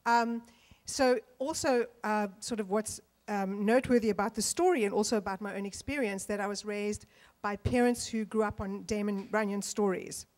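A woman from South Africa reads from her novel on a panel stage, speaking into a handheld microphone. Between passages she talks haltingly with many ums and uhs. The sound is of a large auditorium. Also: medium pitch, darkish tone. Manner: hesitant, filler-heavy between readings. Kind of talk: literary reading on a panel. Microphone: handheld mic.

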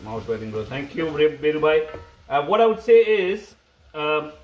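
A man's voice: on the high side, big pitch swings, normal speed, darkish tone, a little hiss or hum. A man in his thirties with an Indian accent, chatting casually as he hosts a live cooking stream, often repeating short phrases. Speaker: cooking livestream host. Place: home kitchen, indoors. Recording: echoey room, phone mic.

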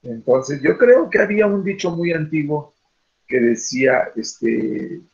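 A man teaching an online class rambles on in a slightly high, gravelly voice with lively intonation and a darkish tone. He fills pauses with "este" and poses rhetorical questions. The video call sound is dull and lo-fi.

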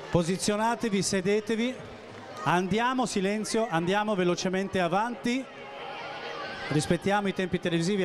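High-pitched quiz host man, crowd behind. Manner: Italian quiz host, announcing and building suspense; projecting, directing children with repeated short commands. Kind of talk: live event hosting to children and audience. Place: busy indoor shopping centre atrium. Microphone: handheld microphone. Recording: live PA with music and crowd noise.

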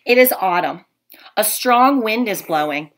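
A teacher in her thirties reads a picture book aloud for young children at home, her mid-range voice moving a little slowly. Her storybook delivery is gentle and expressive. It was recorded indoors in a home room on a laptop webcam.

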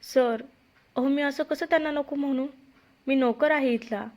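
A woman's voice: high voice, steady tone, normal speed, pitched above the performer's own voice, lightly acted. A woman reading the part of a timid, respectful male household servant who sounds flustered. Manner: flustered, deferential. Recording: dull lo-fi recording.

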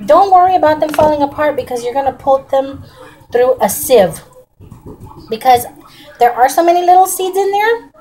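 A woman's voice: on the high side, darkish tone, rough recording. A middle-aged woman, chatting folksily to viewers while demonstrating a recipe in her home kitchen, recorded on a camera close by on the counter. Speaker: home cooking vlogger. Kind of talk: casual cooking demonstration.

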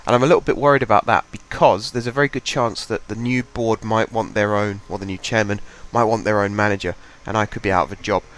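A young gaming channel host with a head cold sounds congested as he commentates his own game at a home desk mic, rambling and thinking aloud in casual chat. His voice is fairly low and a bit bright, with fairly even intonation, fast delivery and few pauses.

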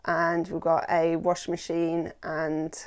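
A woman's voice: sits low, monotone, slow pace. Chatty woman with a lapel mic. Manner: enthusiastic, chatty, lots of ums. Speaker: home renovation vlogger. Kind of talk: casual vlog narration. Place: house under renovation, indoors.

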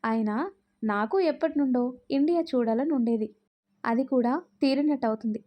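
A woman's voice: fairly high pitch, moderate pace, muffled recording, lightly acted. A woman voicing a cheerful, affectionate young man who jokes with his fiancée. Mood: playful. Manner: playful, lively.

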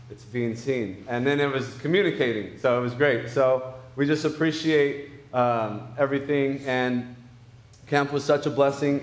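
A young man speaks casually from a church stage, pausing often with filler words. His voice is ordinary in pitch. The room around him rings with noticeable echo. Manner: casual, hesitant with many uh's. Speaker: youth pastor. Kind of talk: church announcements. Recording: roomy church hall sound.

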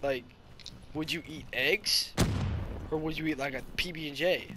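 A young man commentating his own gameplay, excitable and prone to sudden yelling. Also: fairly high pitch, normal speed, background noise. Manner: excitable, bursts into yelling and shrieks. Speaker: gaming channel host. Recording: game gunfire behind the voice. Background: gunfire and game sounds.

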